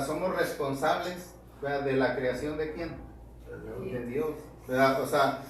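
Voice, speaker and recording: Male Bible study leader, high voice, far from the mic in a very echoey hall. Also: slight background noise. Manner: keeps asking "verdad?", addresses the congregation as brothers, reads scripture aloud. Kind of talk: church Bible study teaching.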